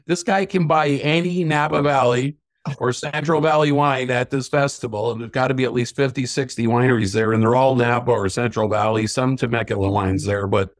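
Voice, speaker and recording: A middle-aged man telling lively anecdotes in a casual interview about his sangria business. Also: mid-range voice, fairly quick, no echo, clean studio sound. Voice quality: self-described stubborn Irishman. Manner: chatty anecdotal storyteller, acts out quoted voices. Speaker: sangria company owner.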